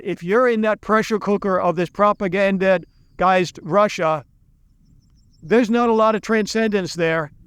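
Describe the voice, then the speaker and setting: In a dry recording, a middle-aged American college teacher who makes video lectures speaks to camera in a loose, wandering way full of restarts and asides. His voice is high, smooth, and fairly bright.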